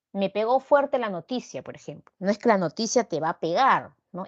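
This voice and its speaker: Peruvian woman teacher explaining a lesson. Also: lowish voice. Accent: Peruvian Spanish. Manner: explanatory, frequent tag questions. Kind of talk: recorded class lecture. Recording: dull lo-fi class recording.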